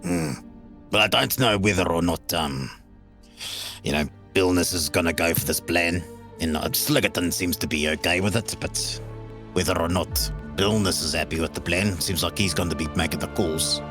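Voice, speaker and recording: A man's voice: sits low, moderate pace, a bit bright. A man improvising in-character conversation as a player in a tabletop role-playing game. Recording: clear music under the voice.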